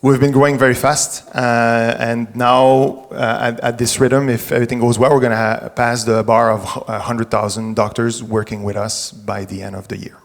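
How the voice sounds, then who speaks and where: A tech executive, a middle-aged French Canadian man, talks easily to a live conference audience, frequently backing up to restart or correct his phrases. His middle-pitched voice moves little in pitch, at a moderate pace with hardly any pauses, and a large venue's long reverb carries it.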